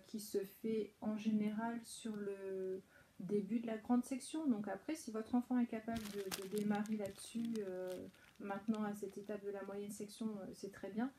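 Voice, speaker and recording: A woman's voice: medium pitch, warm tone, poor audio. A woman with a French accent who teaches preschool, patiently explaining an exercise to parents step by step, with many hesitations. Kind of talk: instructional talk to parents.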